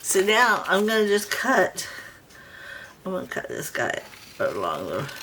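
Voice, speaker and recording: A woman talks at an unhurried pace while she works in her home craft room. Her delivery is rambling and chatty, full of restarts. A faint hiss of background noise sits under the recording. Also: medium pitch, huge pitch swings. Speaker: crafting vlogger. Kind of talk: casual crafting chat while working.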